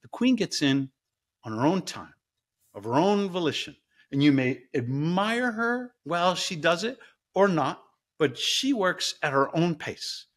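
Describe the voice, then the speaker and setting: A middle-aged man, a guest professor, telling a story in a casual, animated interview. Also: unhurried. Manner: animated, acts out story voices with big pitch jumps. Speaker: guest, professor and ice bath company co-founder.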